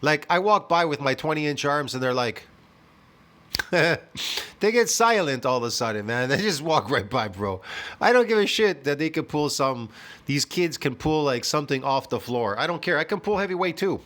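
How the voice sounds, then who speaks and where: A man's voice: on the high side, very animated, moderate pace, a bit bright. Scornful, foul-mouthed man in his fifties. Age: 50s. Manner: profane, scornful, peppered with "man" and "bro". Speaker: fitness video host. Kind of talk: ranting reaction commentary. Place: at home.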